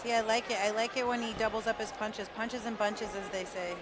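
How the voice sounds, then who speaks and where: A man's voice: high-pitched, little pitch movement, fairly quick. A man giving conversational color commentary on a live fight. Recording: noisy live arena with loud crowd. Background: crowd and event ambience.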